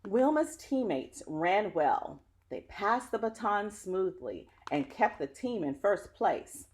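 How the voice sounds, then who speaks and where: Her mid-range, darkish voice swings widely in pitch as she takes her time reading a picture book aloud. Dramatic and engaging, she turns to her listeners now and then for chatty remarks.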